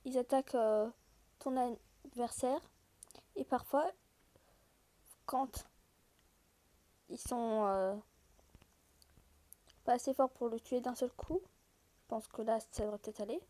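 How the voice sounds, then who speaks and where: A woman with a high voice and a mellow, rounded tone talks through a mobile game as she plays. She explains each screen and rule straight to her viewers in an easygoing, conversational way. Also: fairly even intonation, takes it slowly, pauses often. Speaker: gaming video host. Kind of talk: casual gameplay walkthrough.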